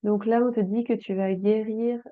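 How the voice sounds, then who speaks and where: A woman reading tarot cards for her viewers, talking slowly and hesitantly with many fillers, addressing the listener directly. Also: mid-range voice, steady tone, dry recording. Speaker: tarot card reader. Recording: dry, phone-like sound.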